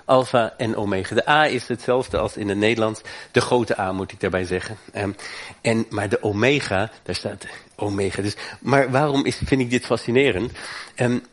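A man preaching a sermon, fervent and emphatic, his voice climbing on key points. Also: lowish voice.

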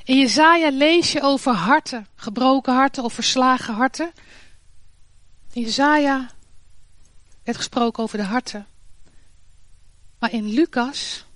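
A woman gives an earnest devotional talk and reads scripture at an unhurried pace, now and then hesitating and restarting her sentences. Her voice sits high, and the recording is close and dry. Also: a bit bright, no echo. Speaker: devotional speaker.

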